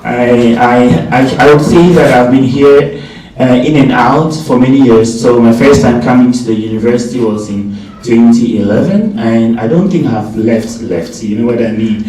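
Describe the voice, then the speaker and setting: A man's voice: mid-range voice, normal speed, dark tone, slight background noise. A man from Ghana introducing himself as a panelist, repeating words as he starts. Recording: echoey lecture theatre from far off.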